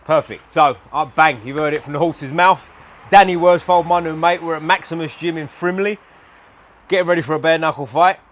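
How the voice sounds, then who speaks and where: A man's voice: a little high, fairly even intonation, brisk, a bit bright, a little hiss or hum. A man with a southern English accent from around London, hosting a casual, matey interview in colloquial language. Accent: southern English, London area. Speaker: podcast host, interviewer. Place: indoors in a gym.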